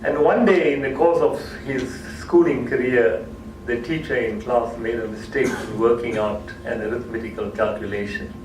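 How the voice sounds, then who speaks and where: At a cultural talk in a hall, a man whose first language is Gujarati tells an anecdote in a storytelling lecture, repeating and restarting phrases as he goes. His mid-range voice is steady at a normal speed, and the recording is noisy and echoey, with a distant mic.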